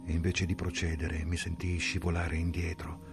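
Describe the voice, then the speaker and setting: Male narrator for a literary audiobook: very low, rough-textured voice, grave and measured, with music playing underneath. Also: little pitch movement. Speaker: audiobook reader.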